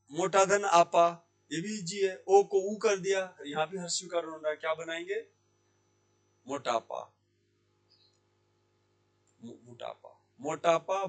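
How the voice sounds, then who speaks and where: A man teaching Hindi grammar in a classroom lesson. He asks questions and answers them himself, repeating key words slowly. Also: a little high, fairly bright tone. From India. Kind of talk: classroom lesson explaining sandhi. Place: Jaipur language institute.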